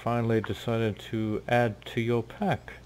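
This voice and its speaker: A man voicing a smug, flamboyant male dark elf leader who drawls with theatrical courtesy. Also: mid-range voice, little pitch movement, measured pace, a little hiss or hum, pitched above the performer's own voice, close to an everyday voice.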